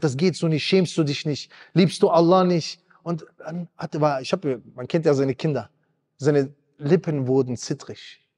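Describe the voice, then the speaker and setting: A man in his thirties giving an emotional sermon, impassioned and pleading, addressing the congregation directly. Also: darkish tone. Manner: impassioned, rising to high pleading cries. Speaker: preacher. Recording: long reverb hall.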